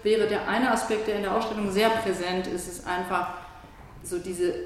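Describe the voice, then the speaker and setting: A woman's voice: medium pitch, fairly even intonation, normal speed. A woman moderating a reflective conversation, thinking aloud and searching for her words. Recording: echoey hall with faint noise.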